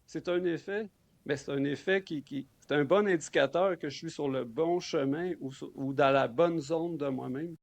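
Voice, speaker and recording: Québécois man, host, gravelly somewhat high voice, dry close sound, playful questions. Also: normal speed, no room sound. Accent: Québécois French. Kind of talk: casual conversational interview.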